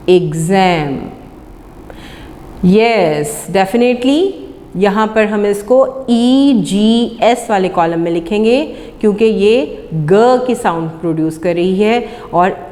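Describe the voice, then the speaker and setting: Female teacher with a Pakistani accent, slow and deliberate, long reverb on the recording. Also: mid-range voice, animated, dark tone. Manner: slow, deliberate sounding-out of words. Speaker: English teacher. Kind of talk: classroom lesson on pronunciation.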